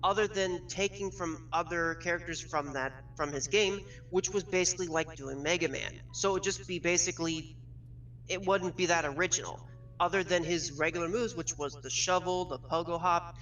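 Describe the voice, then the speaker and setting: Bright-voiced man, far from the mic. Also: a little high, fairly even intonation, normal speed, a little hiss or hum. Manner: detailed, explaining step by step. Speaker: guest with leak source. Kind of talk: casual speculative chat. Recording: far from mic, faint music.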